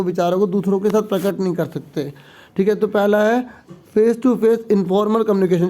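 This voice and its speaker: High-voiced male teacher, patient. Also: mellow. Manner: explanatory, repeats "theek hai", reads English questions slowly then explains. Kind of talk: exam-prep lesson, explaining a sample paper.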